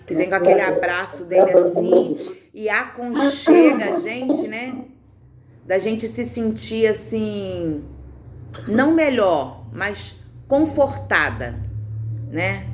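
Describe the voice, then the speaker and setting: A woman's voice: medium pitch, very noisy. Chatty Brazilian woman preaching. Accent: Brazilian Portuguese. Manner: chatty, keeps checking in with listeners; reads out and answers listener comments. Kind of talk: conversational devotional sermon.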